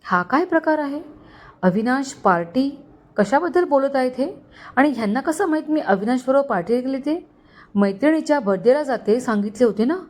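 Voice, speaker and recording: A woman's voice: sits high, animated, a little fast, a little mellow, pitched above the performer's own voice. A woman voicing a bewildered young woman, asking herself confused questions.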